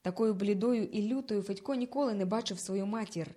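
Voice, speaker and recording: A woman narrating a children's story in a lively, dramatic reading style. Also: medium pitch, fairly quick.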